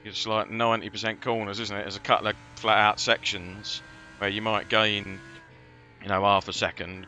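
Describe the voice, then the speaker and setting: Male driver, understated casual commentary, forward bright tone, light engine noise behind. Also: fairly low pitch. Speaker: sim racing driver streaming. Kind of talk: casual commentary while driving.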